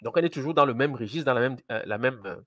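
A man's voice: mid-range voice, quick pace, fairly bright tone, no room sound, studio quality. A man giving a lecture in a teaching tone, emphatic, repeating key words and often restarting his sentences. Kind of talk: recorded lecture.

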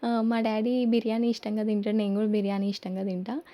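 A young woman, narrating a family vlog in a soft, reflective storytelling way. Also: mid-range voice, flat delivery, quick pace, muffled recording. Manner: soft, reflective storytelling, often trailing off with fillers. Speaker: family vlogger. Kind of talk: casual vlog voice-over narration.

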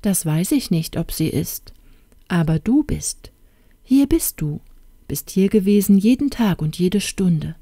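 Storybook dreamer, young man, soft and tender, read by a woman; dark, slow. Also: lowish voice, expressive, dry recording, clean studio sound. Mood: ardent. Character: lovesick young male gem-cutter, gentle dreamer. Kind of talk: storybook reading.

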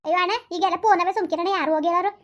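Brief: shrill, rapid village woman in a skit, scolding, dull lo-fi recording. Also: fairly even intonation. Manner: scolding, consoling, rapid-fire. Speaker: comedy sketch performer. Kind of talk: village comedy sketch. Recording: dull lo-fi sound.

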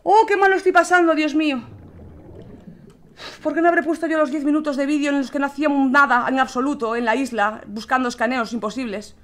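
A woman's voice: sits high, steady tone, fairly quick. A young woman with a Spanish accent from Spain playing a horror game on stream, frightened, swearing and shrieking as she comments. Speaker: gaming youtuber. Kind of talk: let's play commentary.

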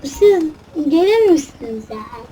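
A young woman chatting playfully as she comments on her own gameplay, often dropping to a soft murmur. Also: high voice, sing-song, measured pace, noisy background. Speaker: gaming channel host.

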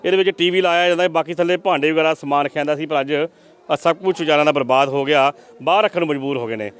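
Fast-talking earnest field reporter. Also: male voice, on the high side, clean tone. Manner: earnest, pleading appeals to viewers.

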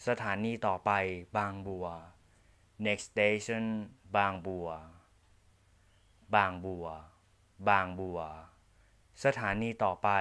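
A man reading formal onboard train announcements, in a measured, deliberate delivery. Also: on the low side, fairly bright tone, smooth. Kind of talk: prerecorded bilingual train announcements.

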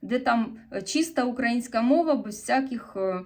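Speaking with a Sumy regional accent, a Ukrainian woman from the east chats to camera for her vlog, drifting off and correcting herself as she goes. Her pitch is fairly high and animated, the tone darkish, the pace moderate. She responds to comments earnestly, a touch defensively.

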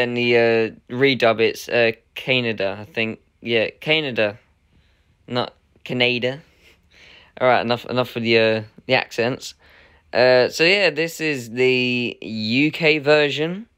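A man's voice: medium pitch, fairly bright tone, smooth. A man hosting his own unboxing video, talking in a casual, rambling way with lots of hesitations and self-corrections. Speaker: channel host unboxing a film collector's edition.

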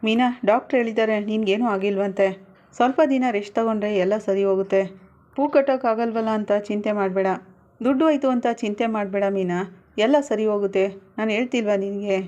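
A woman voicing an anxious young husband who gently comforts and apologizes to his wife. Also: mid-range voice, fairly quick, natural voice. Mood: consoling. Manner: soothing, apologetic pleading. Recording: dull lo-fi recording.

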